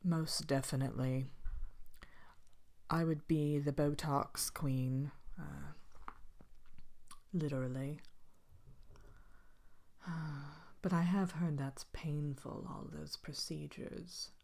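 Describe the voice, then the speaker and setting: A woman performs an exaggerated evil fairy-tale queen, haughty and vain, for an ASMR character Q&A she hosts, answering questions in a soft, partly whispered low voice that's steady and full of vocal fry. Self-satisfied and pompous, she drags out words with languid, theatrical disdain.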